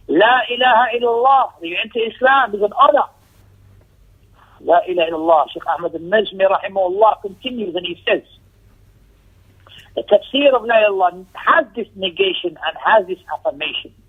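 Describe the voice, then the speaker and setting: A religious teacher's voice sits high and is slightly rough as he gives an Islamic lecture commenting on a text. Emphatic in tone, he relies on repeated phrases and rhetorical questions and breaks into Arabic recitation. Audio quality is tinny and telephone-narrow.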